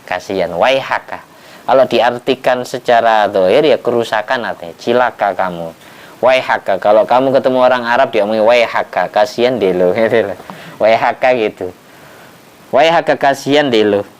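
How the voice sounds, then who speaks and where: A male preacher, explaining scripture commentary in a relaxed, folksy style. His voice is clear and resonant at a middle pitch. He teases lightly and repeats key phrases for emphasis. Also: normal speed. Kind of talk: sermon, explaining Quran commentary.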